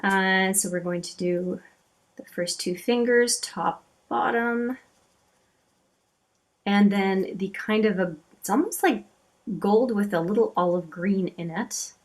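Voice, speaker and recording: A chatty woman giving casual commentary while she swatches makeup. Her voice sits in a middling pitch, and she gushes over shades before dropping into soft, half-muttered asides. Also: slow. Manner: chatty, admiring, often trails off into quiet asides. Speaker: beauty channel host.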